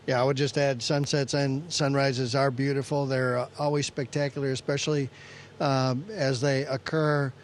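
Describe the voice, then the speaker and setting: Halting male astronaut, mid pitch, light noise. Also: little pitch movement. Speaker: veteran astronaut being interviewed. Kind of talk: conversational interview answers. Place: aboard space station. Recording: noisy space station downlink.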